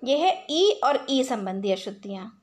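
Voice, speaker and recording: A woman teaching a recorded class, her voice sitting high. She explains each point slowly, repeats it, and asks questions that she then answers herself. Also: very animated. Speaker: school teacher.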